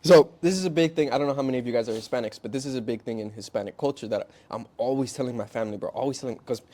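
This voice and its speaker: A man's voice: medium pitch, rapid-fire, warm tone. A man co-hosting a podcast in casual chat, candid and swearing freely, slipping Spanish phrases into his English. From Mexican-American family from Durango. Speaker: podcast co-host.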